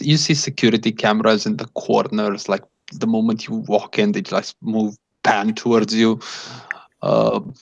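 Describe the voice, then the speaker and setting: Male game master, low voice, improvising unhurriedly and haltingly; slightly muffled lo-fi audio. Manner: halting, searching for words. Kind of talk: improvised narration of a tabletop game. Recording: echoey room, dull lo-fi sound.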